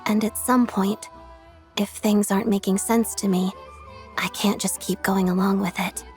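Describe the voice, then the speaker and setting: A woman voices a poised young female officer in an English video game dub, speaking politely with a composed, businesslike manner over soft music. The character is principled and efficient, and her delivery is earnest and troubled. Her middle-pitched voice stays steady at a moderate pace, close to an everyday voice.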